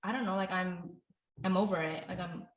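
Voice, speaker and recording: A woman's voice: fairly low pitch, steady tone, normal speed. A woman hosting a podcast, chatting casually and loosely with lots of filler words. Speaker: podcast host. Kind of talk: casual interview chat. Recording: roomy echo.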